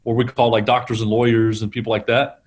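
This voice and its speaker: Middle-aged man, mid-pitched, chatty storyteller with lots of energy, guest on a talk show. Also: fast. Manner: animated storyteller, acts out quotes, laughs often. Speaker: guest, sales trainer. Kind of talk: conversational storytelling interview.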